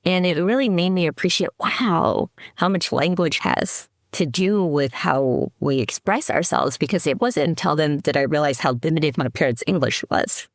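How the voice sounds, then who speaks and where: A company CEO, a middle-aged woman from the Seattle area, United States, shares her story as a podcast guest in casual interview talk. She has a low voice and moderate pace with few pauses, and she's reflective, often restarting and using fillers. The studio sound is clean, with no echo.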